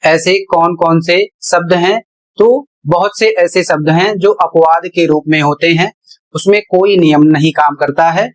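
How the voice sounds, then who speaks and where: Slow, deliberate male teacher. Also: on the high side, low-quality recording. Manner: deliberate, repeats each rule step by step. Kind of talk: slow classroom explanation at a board.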